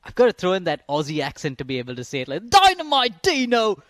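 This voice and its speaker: A man giving measured, analytical co-commentary on a live motor race. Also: a little high, no room sound.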